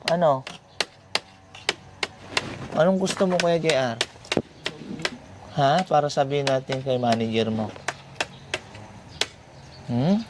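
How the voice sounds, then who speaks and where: Male vlog host, slow and soothing, noisy outdoor-type backdrop. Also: mid-range voice. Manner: gentle, repetitive coaxing questions. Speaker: vlogger host. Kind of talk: casual vlog chat, coaxing questions. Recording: noisy background.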